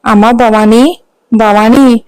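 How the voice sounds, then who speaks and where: A woman voicing an old father in a storybook reading, gently and anxiously coaxing his daughter. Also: fairly high pitch, fairly even intonation, slow, clean tone, no echo, rough recording. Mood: worried. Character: worried old father, tender and caring.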